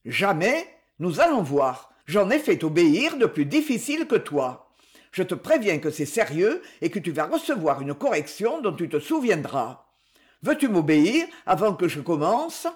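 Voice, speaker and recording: A woman reading the part of a stern, self-possessed young man who disciplines his cousin, firm and measured. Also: on the low side, very animated, a little mellow. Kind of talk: audiobook novel reading.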